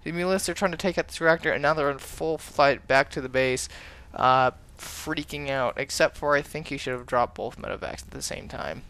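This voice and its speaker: A man commentating a strategy game match, calm in analysis and excitable when fights break out. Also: fairly high pitch, fairly quick, hardly any pauses, smooth. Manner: excitable, shouts during fights. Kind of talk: esports casting.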